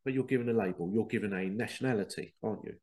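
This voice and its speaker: Racing along in a lowish, darkish voice, a congested man with a head cold hosts a podcast. He rambles through casual spiritual musings and frequently acts out the exchanges he quotes.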